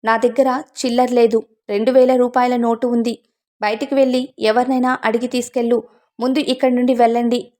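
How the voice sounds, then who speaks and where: Harsh scolding lady employer, middle-aged, curt, higher voice, as a woman narrator puts her on. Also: level tone, brisk, mellow, close to an everyday voice.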